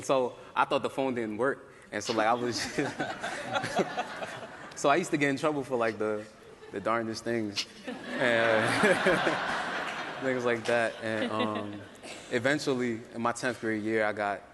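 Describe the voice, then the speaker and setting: A young man panelist telling his story in a casual way, full of "like" fillers and quick laughs. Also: medium pitch, noisy background. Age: young adult. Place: conference hall. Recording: roomy hall, faint ambience.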